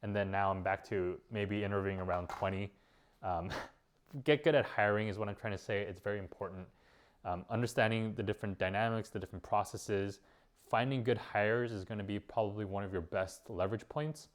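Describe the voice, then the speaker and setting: A man's voice: lowish voice, steady tone, a little fast. A man giving casual vlog advice as a business owner, rambling with many fillers and restarts.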